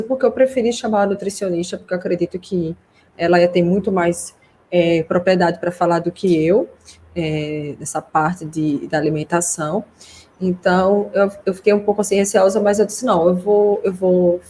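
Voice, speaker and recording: A woman's voice: on the low side, darkish tone, a little hiss or hum. A woman host and speech therapist giving a casual, reassuring consultation over a video call, talking freely with lots of fillers. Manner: chatty, reassuring, many fillers like "né".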